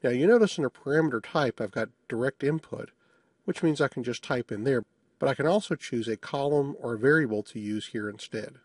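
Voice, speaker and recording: A man narrates a screencast tutorial for a software demo, relaxed and matter-of-fact, with the occasional small joke. His mid-pitched voice is slightly husky and he talks a little fast. The recording is dry and close-miked, with no room sound.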